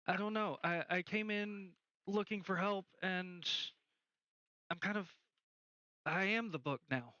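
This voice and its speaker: Casting: man putting on a shy little ghost girl, stammering, bright high voice, dull lo-fi sound. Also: no echo, exaggerated voice. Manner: hesitant, stammering, pleading. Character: small lost ghost girl trapped in a book.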